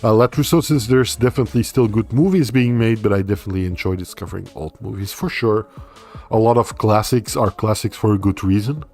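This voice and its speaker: This young livestream host, whose first language is Dutch, talks fairly quickly in a voice on the low side. Over faint music, he reads comments from viewers aloud and answers them in a loose, easygoing ramble.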